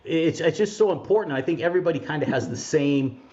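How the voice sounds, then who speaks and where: Halting earnest male podcast host. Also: a little high, animated, a little mellow, highs cut off. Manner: halting, earnest, many restarts. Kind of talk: casual interview.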